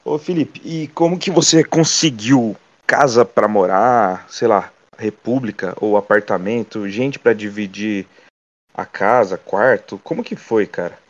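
A man's voice: on the low side, a little slow. A man hosting a casual interview, asking curious questions and joking along. The recording sounds dull and lo-fi. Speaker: podcast host.

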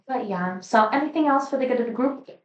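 A woman's voice: high voice, lively intonation, fairly quick, lo-fi sound. A woman co-hosting a podcast in casual chat, telling stories and teasing. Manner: chatty, storytelling, teasing. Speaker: podcast co-host. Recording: roomy, distant sound.

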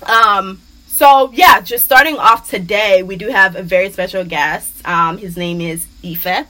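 A woman's voice: medium pitch, a little slow, bright, forceful tone, rough recording. A young woman from Nigeria hosting a casual podcast chat, upbeat and laughing often, with many fillers. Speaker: podcast host.

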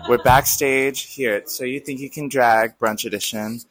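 A man's voice: mid-range voice, fairly even intonation, moderate pace, a bit bright, faint music behind. A man hosting a casual vlog, talking playfully as he introduces things and interviews drag performers. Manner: playful, echoes guests' answers. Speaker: podcast host and interviewer.

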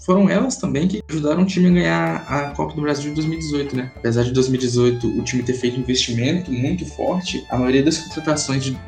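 A man's voice: on the high side, fast, vocal fry, few pauses, darkish tone. A man with a Brazilian accent giving opinionated, conversational football analysis, often adding tag questions. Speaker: football podcast commentator. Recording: roomy echo, faint music.

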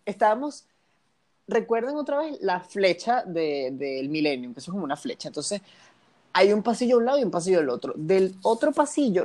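A man's voice: high voice, a little mellow. A Venezuelan man co-hosting a casual podcast, bantering in a playful, teasing, slangy way. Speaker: podcast co-host. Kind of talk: casual chat.

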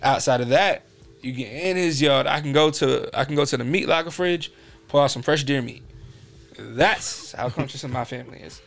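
A man's voice: mid-range voice, moderate pace, vocal fry, a bit bright, faint music behind. A young man from New York hosting a podcast, telling stories casually and acting out quotes in a raised voice. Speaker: podcast host. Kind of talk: casual storytelling chat.

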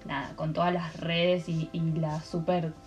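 Rambling Argentine woman, low voice. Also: flat delivery, measured pace, a little mellow, soft background music. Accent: Argentine Spanish. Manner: rambling storyteller with many fillers. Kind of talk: casual chat.

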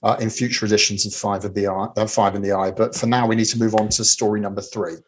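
A man with a London accent hosting a panel discussion, measured and thoughtful as he steers the conversation. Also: fairly low pitch, level tone. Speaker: show host. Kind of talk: casual panel chat.

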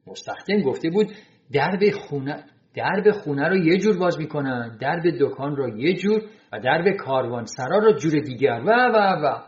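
A man narrating a humorous short story in an expressive storytelling manner. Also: fairly high pitch. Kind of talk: storytelling reading. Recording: roomy, dull sound.

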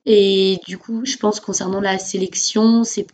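A woman's voice: medium pitch, little pitch movement, measured pace, darkish tone, a little hiss or hum. A young woman hosting a casual student podcast interview in an informal, encouraging way. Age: young adult.

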